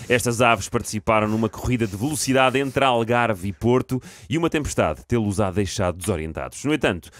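A man hosting a morning radio show, playing the mock-serious interviewer in a comedy sketch. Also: lowish voice.

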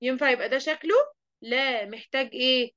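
A woman teacher with an Egyptian Arabic accent tells children a story in a lively way, asking them questions as she goes. Her voice sits a little high. The sound is dry and a little dull and lo-fi. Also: fast, no echo.

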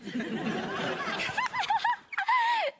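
A woman's voice: extremely high pitch, big pitch swings, normal speed, a loud crowd, very noisy, heavily acted. An actress playing a grown woman acting like a bossy little girl, talking in a childish singsong way. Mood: mocking. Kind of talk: TV sitcom acting.

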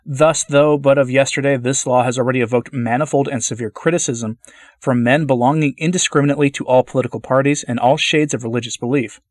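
A man reads a formal church letter aloud at a measured, deliberate pace, sometimes tripping on a word and starting it over. His voice sits at an ordinary middle pitch for a man. The recording is dry and close, with no room sound around it. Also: steady tone, no room sound. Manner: measured, deliberate delivery with occasional stumbles and restarts. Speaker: channel host reading a papal letter aloud.

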